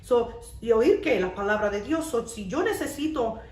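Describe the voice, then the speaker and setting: A woman pastor preaches in an earnest, repeating cadence, weaving personal testimony into the message. Her voice sits a little high and sounds set back from the mic in an echoey room. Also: expressive, moderate pace, darkish tone, far from the mic. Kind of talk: radio sermon.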